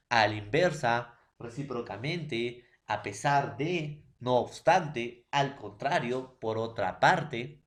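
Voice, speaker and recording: A male secondary school teacher with a Peruvian Spanish accent, giving an online class lecture, asking his students constant check-in questions and stressing key terms. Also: mid-range voice. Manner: repeats "profesor" and "¿ya, jóvenes?" as verbal tics; emphatic rises on key terms, drawn-out slow words.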